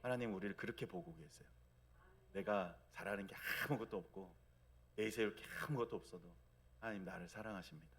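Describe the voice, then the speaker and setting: A man in his thirties preaching a Sunday sermon in a conversational way, often asking the congregation for agreement and acting out God's words in a soft, low voice. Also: a little fast. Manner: acts out God's gentle speech in a soft low voice. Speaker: pastor. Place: church sanctuary.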